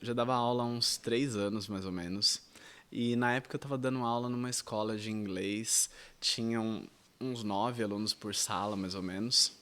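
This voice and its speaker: A man's voice: on the low side, fairly even intonation, moderate pace, bright, forceful tone, smooth. Brazilian man teaching in a conversational tone. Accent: Brazilian Portuguese. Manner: explanatory, conversational, addresses viewer directly. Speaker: English teacher. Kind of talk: educational video lesson.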